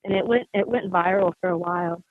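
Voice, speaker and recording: A woman with a lowish voice calls in to a live stream, chatting casually at a fairly quick pace. She's hesitant, full of ums and restarts, and the dry recording comes over a tinny, muffled call-in phone line that breaks up.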